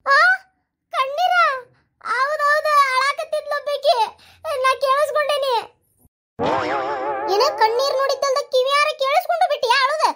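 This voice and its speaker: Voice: very high voice, fairly even intonation, very noisy. A performer voicing a chatty, nosy village woman just back from the city, speaking with a North Karnataka Kannada accent in a cartoon comedy. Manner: nosy, pestering, quick to tease.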